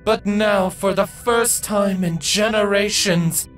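A man's voice: sits high, fairly even intonation, slow, fairly bright tone, soft background music, pitched above the performer's own voice. A man voicing a tall, regal female changeling queen who speaks in a stately, courteous way.

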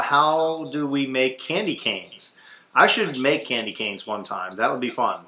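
A man's voice: mid-range voice, bright, forceful tone, recorded from a distance. A man chatting casually with viewers while he cooks on a livestream, his voice ringing with an echoey, cave-like sound. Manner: chatty, talks to viewers while fiddling with audio settings. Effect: echoey, cave-like room sound. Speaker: livestream host cooking breakfast. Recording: roomy echo, off-mic, faint noise.

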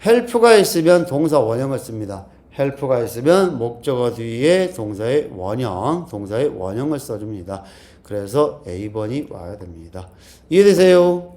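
A man teaching an exam-prep English class, drilling the students and repeating key phrases with quick rhetorical questions. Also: mid-range voice, very animated, dark tone. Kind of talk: lecture.

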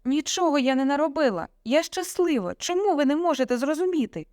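Brief: woman doing a young storybook daughter, tearful but defiant, higher voice, dry sound. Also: animated, brisk, a little mellow, dry recording. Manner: pleading then defiant, emotional.

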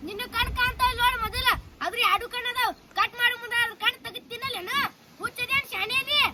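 A man's voice: very high-pitched, fast talker, heavy background noise. An actor playing a street fish seller with a North Karnataka Kannada accent who cries his wares and snaps back at buyers. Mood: curt. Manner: loud hawking calls, curt retorts. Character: gruff street fish seller, adult man.

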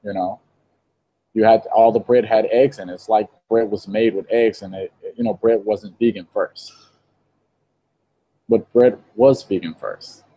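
Young guy from israel on a video call, low mellow voice, laid-back storytelling. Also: a little slow, pauses often, husky, lo-fi sound. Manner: relaxed storytelling with light laughs. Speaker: interview guest, vegan baker. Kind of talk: casual interview. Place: indoor shop with green wall. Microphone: earphone headset on video call.

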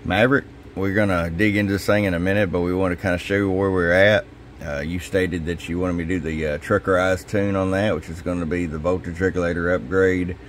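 A low-pitched man talks through a radio tune-up at his repair bench in a relaxed, folksy way. He keeps it casual, like he's talking to a customer. A faint hum sits under his voice. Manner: relaxed, folksy, repeats "hello" into the mic while testing. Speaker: CB radio shop owner and technician. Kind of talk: casual workshop demo talk. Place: radio repair workbench indoors.

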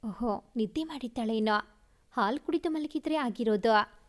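A woman doing a young husband in a read-aloud story, speaking a touch lower than her own bright voice. He sounds tender and coaxing, teasing his upset wife gently. The delivery stays close to a narrator's own high voice. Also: moderate pace, natural voice.

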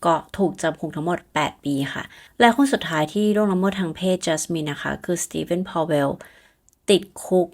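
A woman's voice: fairly low pitch, a little fast. Chatty woman telling a true-crime story. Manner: chatty, addresses listeners directly with polite particles. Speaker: podcast host.

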